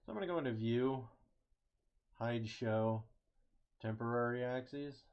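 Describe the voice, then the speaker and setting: A young engineering student casually walks through a CAD design on screen, thinking aloud, correcting himself, and cracking small jokes. His smooth, medium-pitched voice moves a little slowly, picked up on a slightly muffled lo-fi mic.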